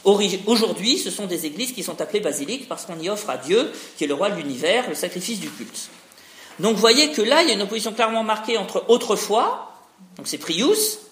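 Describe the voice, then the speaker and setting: A man's voice: high-pitched, fairly bright tone. A man giving an academic lecture, talking discursively with many restarts and tag questions. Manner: discursive, frequent hein tags and restarts. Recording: roomy echo.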